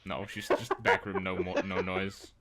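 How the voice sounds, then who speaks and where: A young man with a very low voice runs a tabletop game as dungeon master. He narrates loosely with fillers and little laughs. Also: normal speed, crowd noise. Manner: relaxed, laughing, hesitant with fillers.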